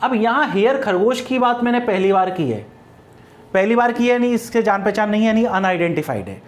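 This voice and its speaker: Brisk and animated, a high-voiced man runs a grammar class in English. Key ideas get repeated, questions are posed and then answered by him, and example sentences are dictated word by word.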